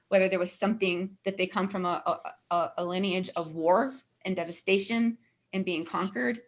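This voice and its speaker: A woman with a mid-range voice hosts a casual roundtable over a video call. She explains things earnestly, stacking up long run-on lists as she goes. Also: mid-range voice. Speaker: network founder and roundtable host. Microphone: video call microphone.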